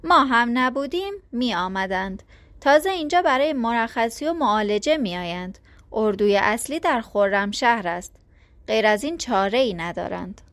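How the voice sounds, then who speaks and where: A touchy young chief who flares up and argues back indignantly, read by a woman in an audiobook. Her voice sits fairly high and she barely changes it for him. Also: expressive, fairly bright tone. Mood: placating. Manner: indignant, defensive.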